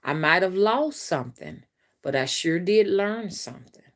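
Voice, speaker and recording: Animated and at normal speed, a woman with a somewhat low voice hosts a casual spiritual live stream on her phone. She rambles, says things again and again, and speaks directly to viewers while reading their comments.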